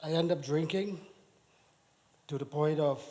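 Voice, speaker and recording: A middle-aged man from the Bahamas giving a personal testimony in church, speaking haltingly with many restarts. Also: fairly high pitch, a little mellow. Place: church sanctuary.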